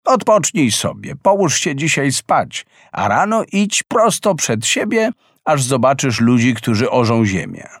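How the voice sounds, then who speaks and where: A man's voice: medium pitch, very animated, measured pace, fairly bright tone, breathy edge, no room sound, clean studio sound, exaggerated voice. Man doing a kindly old storybook man.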